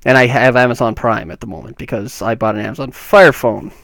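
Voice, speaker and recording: A man from Canada talks through the week's tech news in a loose, casual way, circling back with restarts and fillers as he thinks aloud. His voice sits at an ordinary middle pitch. The sound is dry and close, with no room echo. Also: fairly even intonation, brisk, fairly bright tone. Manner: rambling, many restarts and fillers. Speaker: tech vlogger.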